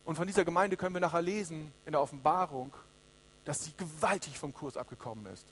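Earnest male preacher with a high voice, addressing the congregation directly in a sermon. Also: fast talker, fairly bright tone.

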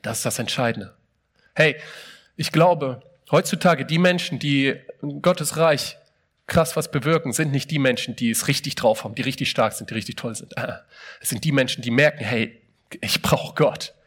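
A man's voice: mid-range voice, normal speed, a bit bright, breathy edge. A man preaching a sermon in a casual, emphatic way, asking his listeners many rhetorical questions and often opening a phrase with "hey".

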